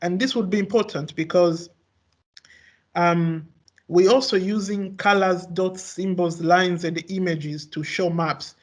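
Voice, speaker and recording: A young researcher, Swahili being his first language, presents an academic talk in a high-pitched, steady voice. He halts often, filling gaps and restarting his sentences.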